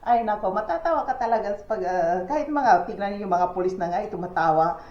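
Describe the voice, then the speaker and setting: A woman's voice: mid-range voice, expressive, fast talker. A Filipina woman vlogging to her viewers in a chatty, gossipy way, telling stories with exclamations and laughs while outdoors. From Philippines. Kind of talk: casual chat to viewers. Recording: echoey, dull lo-fi with faint ambience.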